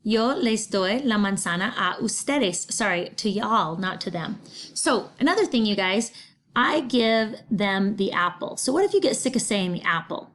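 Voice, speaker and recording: A woman's voice: mid-range voice, expressive, normal speed, a bit bright, slight background noise. A middle-aged woman, patiently teaching a recorded Spanish lesson, explaining grammar step by step. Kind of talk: recorded remote class lesson.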